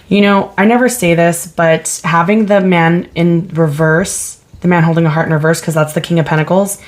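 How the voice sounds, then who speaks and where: A woman giving a casual pick-a-card tarot reading, chatty and thinking aloud as she asks spirit questions. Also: fairly low pitch. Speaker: tarot reader.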